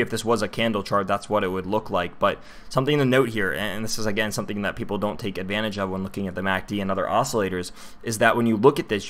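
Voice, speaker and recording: A young crypto host runs a casual chart-analysis livestream, chatting with viewers in the chat and using lots of fillers. His voice is fairly low in pitch with a fairly bright tone.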